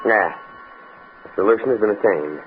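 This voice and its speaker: An actor playing an earnest, stuffy young academic in an American radio drama, speaking precisely and pedantically with an American accent. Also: male voice, on the low side, moderate pace, phone-quality sound, natural voice. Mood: confident. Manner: precise, bookish, stammers when flustered. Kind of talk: mid-century American radio drama acting. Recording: scratchy, band-limited old radio recording with noise.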